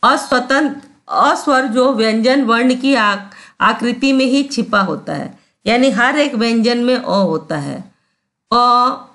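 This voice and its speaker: A woman's voice: a little high, expressive, takes it slowly, a bit bright. A woman teacher giving a grammar lesson, patient, repeating sounds and often checking that students understand.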